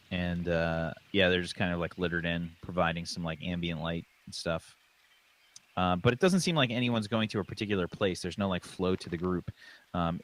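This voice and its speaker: A man narrating as game master of a tabletop game, loose and rambling with lots of fillers. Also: sits low.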